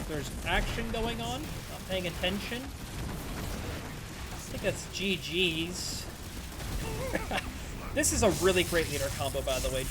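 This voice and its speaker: Between plays in his casual live stream, this man rambles and chats, answering viewer questions as he goes. His fairly high voice comes across strained and somewhat worn, with game sounds and noise clearly audible underneath.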